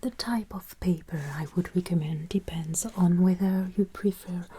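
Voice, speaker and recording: A woman playing a gentle, courteous fantasy travel agency assistant in a breathy, soothing whispered role-play. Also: on the low side, steady tone. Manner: slow, soothing, gently attentive. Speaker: ASMR performer.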